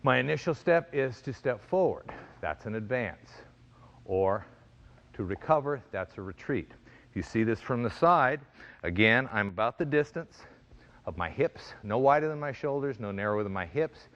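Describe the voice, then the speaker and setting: A man giving an instructional fencing demonstration, explaining in a measured way and calling out crisp, clipped commands as an instructor. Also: mid-range voice, expressive, fairly bright tone, lo-fi sound. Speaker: fencing and self-defense instructor.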